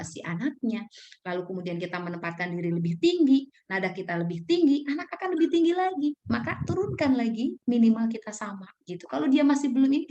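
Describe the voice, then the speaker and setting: Woman teacher giving parenting advice. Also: highs cut off. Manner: explanatory, acts out gentle talk to children, swings pitch widely. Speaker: Islamic teacher and parenting speaker. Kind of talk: online parenting talk. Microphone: video call.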